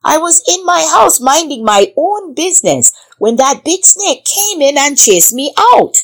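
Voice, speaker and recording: A timid little storybook rabbit, voiced by a woman, pleading her innocence in a high, animated voice. She sounds anxious and defensive. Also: unhurried, exaggerated voice.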